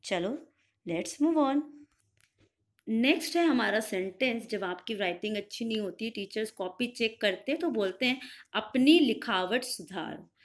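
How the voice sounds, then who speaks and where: A woman teacher giving a spoken English lesson to children, repeating each classroom phrase slowly and checking whether it is clear. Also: on the high side, animated. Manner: slow, drilled repetition of English phrases with frequent "clear?" checks.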